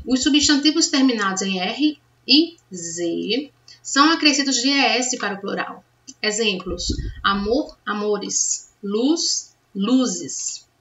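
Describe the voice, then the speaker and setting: A woman's voice: on the high side, bright, forceful tone. A woman teaching a grammar lesson, patiently checking understanding with the class as she goes. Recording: distant, dull lo-fi sound.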